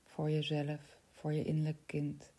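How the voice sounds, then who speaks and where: A woman leading a spiritual guided meditation in a soft, slow voice that often drops to a whisper. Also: deep voice, monotone.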